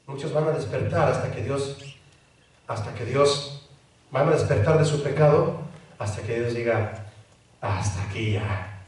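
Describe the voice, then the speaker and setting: Man, pastor, sermon, booming reverberant hall. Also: normal speed, pauses often, darkish tone. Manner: preaching with acted-out voices of a pleading child and parent. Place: church hall. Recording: very echoey hall, mic far off.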